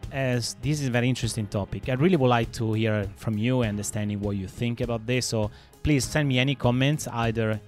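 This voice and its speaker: A man's voice: medium pitch, a little fast, soft background music. Man hosting a podcast. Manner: effusive, agreeable. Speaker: podcast host. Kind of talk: conversational interview hosting.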